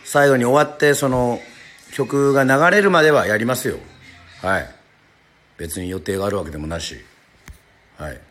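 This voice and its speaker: On a casual live radio stream, a middle-aged man from Yoron Island, Japan, chats, jokes about himself and replies to listener comments. He has a medium-pitched, fairly bright voice and talks at a normal speed, leaving long pauses.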